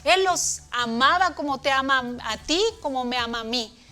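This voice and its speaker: A woman teaching a children's church lesson, speaking tenderly to the kids and booming out dramatic commands in her story, with a Latin American Spanish accent. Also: moderate pace, sharp tone. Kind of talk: children's sermon.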